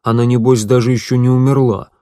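A man voicing an angry, crude male accomplice who curses and shouts accusations. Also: medium pitch, flat delivery, fast talker, clear, resonant tone, no room sound, studio quality, close to an everyday voice. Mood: grumbling. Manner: loud, cursing, accusing.

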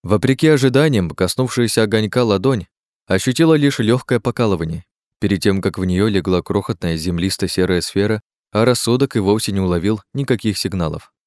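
A man narrating an audiobook in a steady reading voice, raising his pitch for the characters' lines. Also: fairly quick, no room sound, clean studio sound. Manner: reads steadily, shifts pitch for dialogue.

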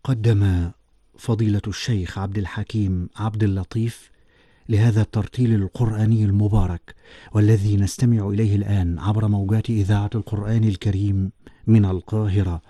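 A man's voice: on the low side, little pitch movement, fairly quick, mellow, no echo. A man announcing a religious radio program in a formal, declamatory manner.

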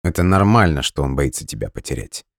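A calm, direct young man, read by a male narrator. His measured speech sits in a very deep voice, recorded close and dry. He talks steadily and plainly. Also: gravelly, no room sound, heavily acted. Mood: reassuring.

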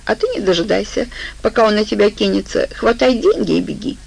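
A woman's voice: mid-range voice, animated, a little fast, vocal fry, darkish tone, slightly rough, low-quality recording. A woman voicing a cunning, manipulative woman who talks in a soothing, persuasive way. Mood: coaxing.

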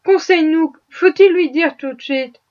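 Woman voicing a gentle old Quaker matron. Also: very high-pitched, moderate pace. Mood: tender. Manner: soft and tender. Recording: muffled lo-fi audio.

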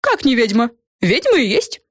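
A woman's voice: huge pitch swings, normal speed, no echo, clean studio sound. A woman voicing a pompous, squealing tiny female fairy with a piercing voice in an audiobook. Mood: indignant. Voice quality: shrill, piercing. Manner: haughty and bossy, exclaiming. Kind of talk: audiobook voice acting.

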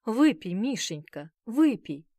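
A woman's voice: lowish voice, steady tone, brisk, a little mellow, no echo, studio quality, natural voice. A woman reading the part of an anxious, caring woman who fusses over a friend, in an audiobook.

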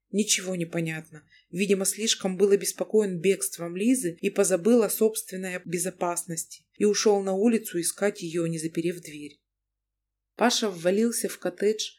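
A woman narrating an audiobook at a middle pitch. She reads in a measured, dramatic way, slowing for tense moments. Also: warm tone. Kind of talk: audiobook reading.

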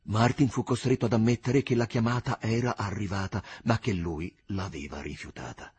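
A man reading a classic novel aloud as narrator, in an expressive, measured storytelling manner. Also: on the low side, husky. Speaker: audiobook narrator. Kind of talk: scripted literary narration.

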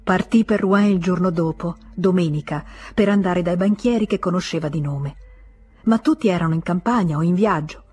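A woman reading a novel aloud as an audiobook, in a measured, expressive storytelling manner. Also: lowish voice, slightly rough. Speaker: audiobook reader. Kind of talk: scripted literary narration.

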